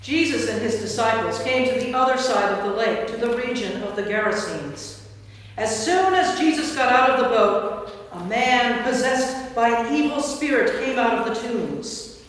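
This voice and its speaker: In a very echoey church hall, picked up by a distant mic, a woman narrates a staged scripture reading from a script, serving as narrator and priest. Her voice is fairly high with lively intonation at a normal speed.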